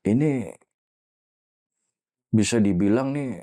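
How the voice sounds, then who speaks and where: A man telling a story as a guest, in casual, animated storytelling with acted voices and sound effects. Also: fairly low pitch, slow pace.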